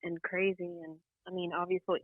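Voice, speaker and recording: A country singer from North Carolina talking on a telephone line in a casual interview, chatty and quick to laugh. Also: female voice, on the low side, flat delivery, no room sound. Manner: chatty, laughs often between points. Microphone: phone. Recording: dry, tinny telephone line.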